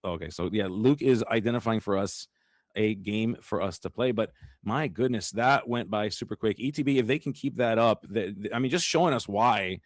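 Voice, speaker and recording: Excitable man casting a card game. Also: lowish voice, moderate pace, dry recording. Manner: excitable, chatty, laughs often. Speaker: caster. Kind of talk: live card game commentary.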